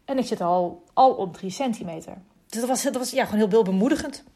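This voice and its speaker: A young woman calmly telling the story of giving birth, in a reflective, soft-spoken way. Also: a little high, fast. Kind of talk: casual personal storytelling.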